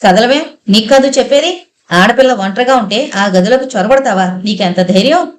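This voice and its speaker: A woman's voice: on the high side, expressive, moderate pace, close to an everyday voice. A woman voicing a distraught young woman who raves in bitter outbursts, in an audiobook story. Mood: commanding.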